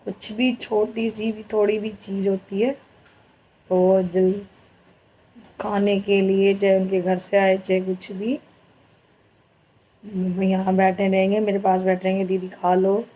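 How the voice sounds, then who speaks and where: A woman's voice: medium pitch, level tone, poor audio. A woman family vlogger from India chatting casually about her relatives and home. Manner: slow, soft-spoken, homely chatting. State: injured leg. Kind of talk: casual vlog narration.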